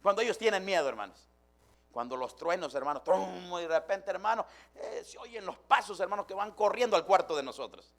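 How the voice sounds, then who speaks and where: A man preaching a fervent Pentecostal sermon in a church, constantly calling out to his brothers and swinging from hushed to shouting. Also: high-pitched, expressive, brisk. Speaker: pastor.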